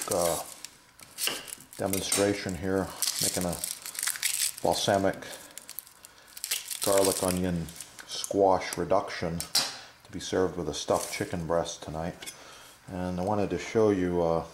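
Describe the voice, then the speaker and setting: A man's voice: deep voice, steady tone, slow, long pauses. Chatty middle-aged man demoing a recipe. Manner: chatty, enthusiastic, frequent "uh" fillers. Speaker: cooking demonstrator. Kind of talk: casual cooking demo with product plugs. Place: home kitchen at the stove. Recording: sizzling pan noise behind. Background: frying and sizzling in the pan.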